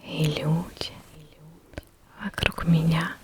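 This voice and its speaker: A woman whispering ASMR affirmations in a soft, breathy, barely audible voice, repeating phrases as they fade away. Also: deep voice, level tone, very noisy. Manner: very slow, repeats phrases in fading echoes. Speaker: ASMR creator.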